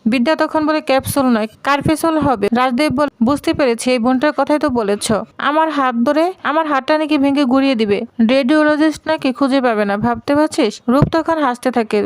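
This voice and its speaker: A woman's voice: sits high, fairly quick, dry recording. A woman retelling a television serial episode, reading each character's lines in her own voice. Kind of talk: storytelling recap with quoted dialogue.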